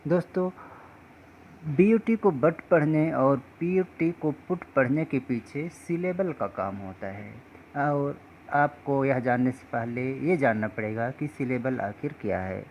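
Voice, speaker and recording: Slow, patient male teacher. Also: medium pitch, expressive, darkish tone, a little hiss or hum. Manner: slow, patient, addresses viewers as friends. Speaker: English teacher. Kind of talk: explaining pronunciation rules.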